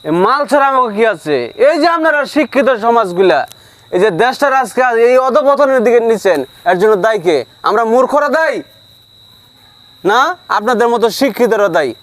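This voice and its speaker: Man acting a high-pitched slurring drunk Bangladeshi man. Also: lively intonation, a little fast, no room sound. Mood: aggrieved, accusing. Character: aggrieved drunk uneducated working man, plaintive and argumentative. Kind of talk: comedy skit acting.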